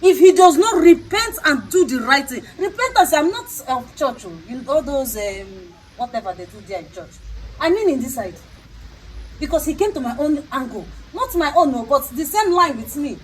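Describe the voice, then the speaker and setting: A woman's voice: sits high, lively intonation, moderate pace, rough recording. A woman with a Nigerian accent talking in a stern, scolding way, repeating herself for emphasis. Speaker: traditional priestess. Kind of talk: unscripted confrontational talk.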